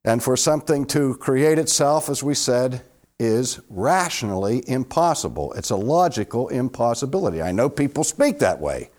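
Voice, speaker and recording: A man giving a classroom theology lecture to a live audience, questioning listeners and swinging between loud emphasis and hushed low asides. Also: big pitch swings, moderate pace.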